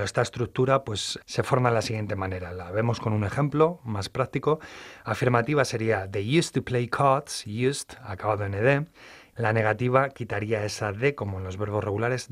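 A man explaining English grammar in Spanish, methodical and measured, reading out slow English example sentences. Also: medium pitch. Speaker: English teacher. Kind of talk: explaining grammar in a studio lesson.

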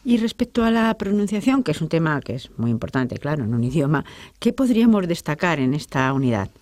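A woman hosts an educational radio show. Her questions are measured and steady, and the sound is dry and close. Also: sits low, dry recording. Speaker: radio presenter. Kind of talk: guiding questions in a radio lesson.

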